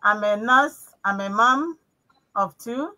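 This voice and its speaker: A woman from Nigeria introducing herself slowly and in a measured way. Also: a little high, bright, forceful tone. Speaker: guest. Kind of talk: self-introduction.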